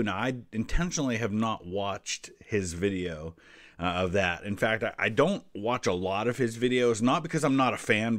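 A history YouTuber in his forties reacts to a quiz, thinking aloud in casual, conversational commentary. His voice is lowish with a fairly bright tone, and the recording has no echo.

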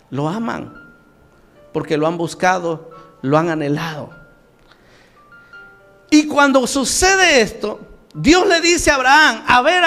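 A male preacher with a Mexican Spanish accent retells a Bible story in a sermon, acting out its dialogue in quoted voices. He asks the congregation questions and repeats their answers, and his high voice is a bit bright with some vocal fry.

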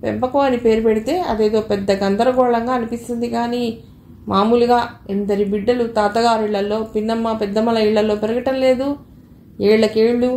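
A woman's voice: fairly high pitch, mellow, slight background noise, close to an everyday voice. A woman voicing a kind, self-assured younger sister who reasons confidently, in a storybook reading. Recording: echoey room, faint ambience.

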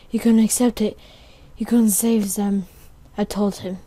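A woman reading a frightened survivor's note aloud in a low, quick, somber voice. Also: level tone, mellow, close to an everyday voice.

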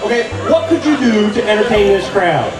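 A man's voice: sits high, lively intonation, a little fast, recorded from a distance. A middle-aged man doing live stage comedy as an exasperated straight man on an outdoor stage microphone. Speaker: comedy ventriloquist. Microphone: stand microphone. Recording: echoey live stage PA, loud crowd, music.

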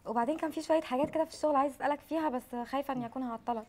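Actress playing a rapid, apologetic coworker. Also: female voice, sits high, darkish tone, lightly acted. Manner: apologetic, polite. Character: polite young female coworker, apologetic. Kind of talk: film comedy acting.

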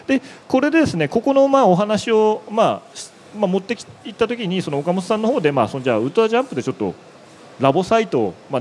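On an exhibition stage, a man holding a handheld mic walks through a web demo step by step, using lots of filler words in this conference presentation. His voice is high with a darkish tone, and there's slight background noise.

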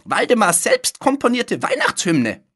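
Ein schriller, theatralischer kleiner Kerl, der in hoher, heller Stimme empört schimpft und spöttisch singt. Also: male voice, huge pitch swings, measured pace, a bit bright, husky, exaggerated voice. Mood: indignant. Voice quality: shrill, singsong. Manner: indignant, mocking, sings and drawls in a falsetto. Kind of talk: audiobook character voice.

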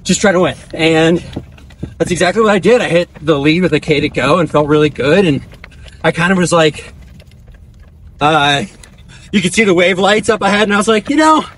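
A man in his twenties chatting casually in breathy short phrases as he runs outdoors while being interviewed. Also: a little high, normal speed, long pauses, fairly bright tone, slight background noise. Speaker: professional distance runner being interviewed. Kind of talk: casual chat while running. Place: outdoors on a dirt country road, on the move.

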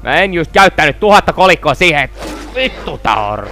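Excitable swearing gamer man, high-pitched. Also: faint music behind. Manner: excitable, constant swearing, yelling at the game. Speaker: gaming video host. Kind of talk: profane let's-play commentary.

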